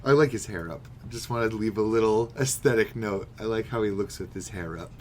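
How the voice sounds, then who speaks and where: A podcast co-host with a fairly low, darkish voice talks briskly, bantering casually about manga in a wry, sarcastic, foul-mouthed way. Noticeable background noise runs through the recording.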